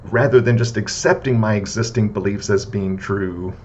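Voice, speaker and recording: Male lecturer, lowish voice, casual and chatty, lots of fillers, slightly dull lo-fi recording with faint rumble. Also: moderate pace, darkish tone. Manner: conversational, frequent "right?" and "uh" fillers; repetitive list-like debunking of myths. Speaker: philosophy lecturer.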